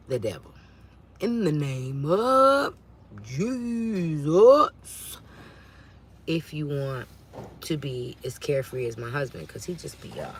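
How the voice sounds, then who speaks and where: A woman, hosting a casual livestream from home, talking straight to her viewers in a lively, preachy way. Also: extremely low pitch, a little hiss or hum. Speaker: channel host on a livestream.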